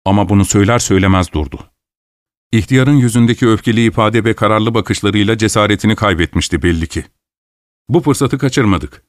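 A man's voice: lowish voice, a little fast, no echo. Man narrating an audiobook, dry sound.

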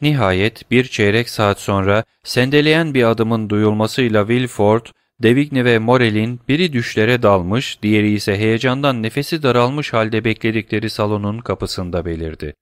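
A man reading a classic novel aloud as an audiobook narrator, measured and dramatic. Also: fairly low pitch, clear, resonant tone, no echo, studio quality.

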